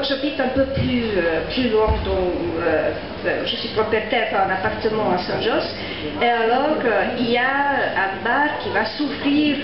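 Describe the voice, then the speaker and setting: A woman speaking French as a second language with a foreign accent, haltingly searching for words as she addresses a public meeting. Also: fairly high pitch. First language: not French. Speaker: local property owner at a public meeting. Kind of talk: hesitant spontaneous remarks at a meeting. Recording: very echoey hall, muffled, people around.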